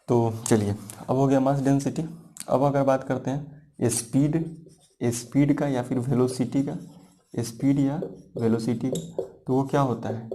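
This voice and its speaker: A man's voice: mid-range voice, mellow. A man teaching a physics class, explaining step by step, repeating key points and asking rhetorical questions. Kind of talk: classroom lecture.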